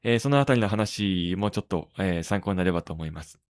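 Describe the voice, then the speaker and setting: A man hosting a tech podcast in casual talk, pausing often on drawn-out fillers between phrases. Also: deep voice, lively intonation, dry recording, clean studio sound. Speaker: podcast host.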